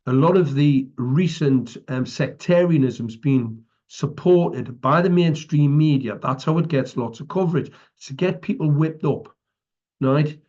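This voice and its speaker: With a fairly high, slightly mellow voice and a somewhat slow pace, a British activist delivers an impromptu, preaching public address. He stresses his points and peppers them with "right" and "okay." The recording is dull and lo-fi.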